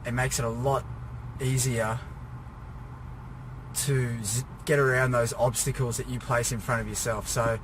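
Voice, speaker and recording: A man's voice: mid-range voice, little pitch movement, a little slow. An exhausted, drained man giving a casual, rambling personal rant as a fitness vlogger sitting in his car, weary but pushing himself on. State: exhausted, drained after a workout. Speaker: fitness vlogger preparing for a bodybuilding show. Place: inside a car. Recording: noisy car interior, vehicle ambience.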